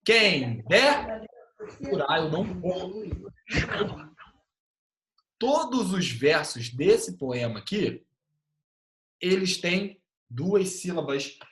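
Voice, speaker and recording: A man teaching an online class in a lively way, often checking in with quick tag questions. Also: sits high, roomy sound.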